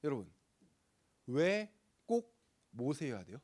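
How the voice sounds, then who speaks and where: A young man preaching to a youth group, lively and playful, acting out voices in the story. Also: mid-range voice, slow pace. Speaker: youth pastor.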